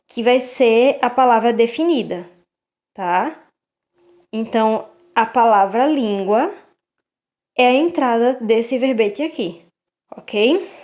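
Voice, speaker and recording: A woman teacher goes through textbook exercises step by step. Her voice sits a little high, and she often pauses to check in with her students. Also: a little mellow. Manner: patient, checks in with "tá?" and "certo?". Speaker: Portuguese teacher.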